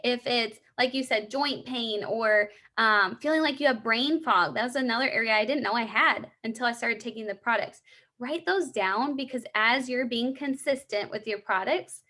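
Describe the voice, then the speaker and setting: Bright, high-voiced saleswoman on a three-way call role-play. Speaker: supplement sales consultant.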